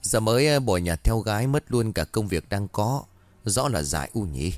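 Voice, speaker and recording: A man's voice: on the low side, lively intonation, moderate pace, no echo, natural voice. A man voicing a gossiping older village woman who tuts and talks with disapproval. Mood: gossiping, disapproving. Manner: tut-tutting, gossipy.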